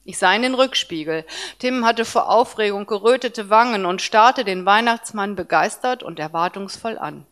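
A woman reads a first-person story aloud, narrating calmly and evenly. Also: medium pitch, normal speed.

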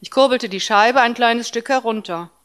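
A woman reads a first-person story aloud in a calm, even narration. Her voice sits a little higher than most women's. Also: normal speed, clean tone.

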